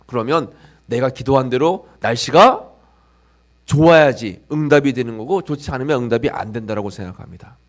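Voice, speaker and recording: A male pastor preaching a sermon to his congregation. He asks questions and answers them himself, rising loud and high when he voices someone praying, then dropping low and soft to teach. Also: animated, a little fast. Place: church sanctuary.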